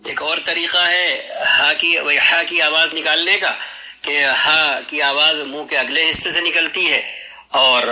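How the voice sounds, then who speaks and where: A man's voice: a little high, bright, forceful tone, rough recording. A man teaching the articulation of letters in a patient, explanatory lesson, demonstrating throat sounds aloud as he goes. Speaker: Quran recitation teacher.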